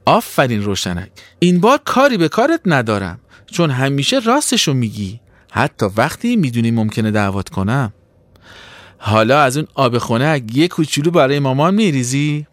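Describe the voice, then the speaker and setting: A soft-spoken, kindly mother as a man plays her in a children's storybook, gentle with a hint of sternness. His delivery stays lively and varied in pitch. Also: no room sound, natural voice. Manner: gentle, affectionate.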